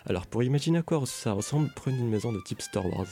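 A man's voice: medium pitch, lively intonation, fast talker, mellow, faint music behind. A young man reading a humorous, ironic radio column with playful asides.

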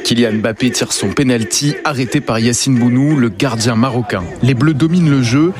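A man narrating a radio field report in a steady voice. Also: medium pitch, normal speed. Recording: report over loud street crowd.

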